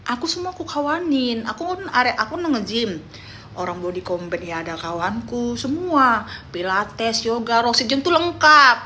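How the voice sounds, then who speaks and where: Young woman on a phone live, bright voice, chatty storytelling, faint background noise. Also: fairly high pitch, normal speed. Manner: chatty, animated storytelling with quoted friends. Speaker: live streamer. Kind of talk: casual livestream chat.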